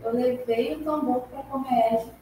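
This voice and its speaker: A woman's voice: sits high, a little slow, warm tone. A woman in a spiritist study class, earnestly telling her own experience, recorded far off in a hall. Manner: earnest, recounts personal experience. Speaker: class participant. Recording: echoey room from far off, faint hiss.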